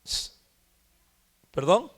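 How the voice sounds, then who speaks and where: A man teaching the Bible at a prayer meeting. He talks slowly, repeats words and keeps asking "¿sí?". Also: long reverb tail. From Mexico. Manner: slow, repeats words and asks "¿sí?". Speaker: preacher.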